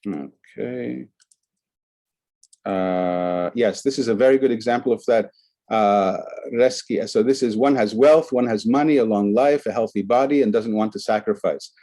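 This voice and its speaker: A man's voice: fairly low pitch, measured pace, dark tone. A man giving an academic conference presentation, explaining the examples on his slides one by one.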